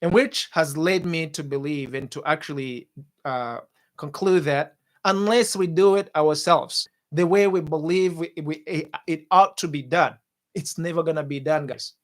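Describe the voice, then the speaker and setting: Guy hosting a talk show, high-ish voice, fired up and repeating himself, keeps saying guys. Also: moderate pace. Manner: forceful, repetitive, addresses viewers as guys. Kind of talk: impassioned political commentary. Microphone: studio mic.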